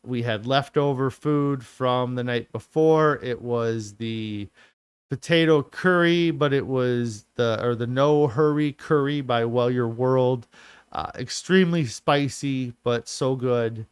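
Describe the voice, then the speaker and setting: Slow, halting man giving a diet update. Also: medium pitch, smooth, no echo. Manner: slow, halting, many fillers. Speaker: diet vlogger. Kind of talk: casual spoken diet update.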